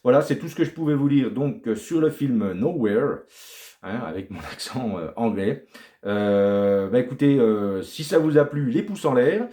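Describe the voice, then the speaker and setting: A man's voice: medium pitch, sing-song, moderate pace, mellow, reverberant. A man giving a casual, rambling film review to his viewers, repeating words for emphasis and trailing off with fillers.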